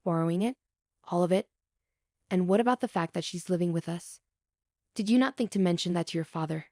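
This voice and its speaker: A woman's voice: fairly low pitch, brisk, darkish tone, dry recording, clean studio sound, lightly acted. A woman voicing an angry ex-wife who speaks coldly and with sarcasm. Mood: scornful. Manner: cold, sarcastic.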